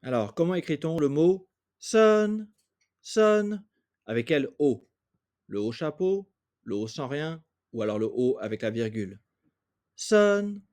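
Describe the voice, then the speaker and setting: A man's voice: mid-range voice, lively intonation, moderate pace, a little mellow. A man from France teaching a language lesson, patiently sounding out vowels and repeating each example. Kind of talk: explaining pronunciation in a lesson.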